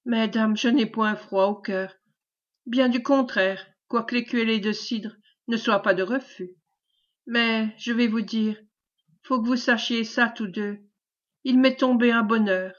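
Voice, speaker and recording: A shy young peasant lad, read by a woman speaks in halting rustic phrases, earnest and humble. The voice sits fairly high. The recording is dull and lo-fi. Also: steady tone, natural voice. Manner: hesitant, rustic country speech.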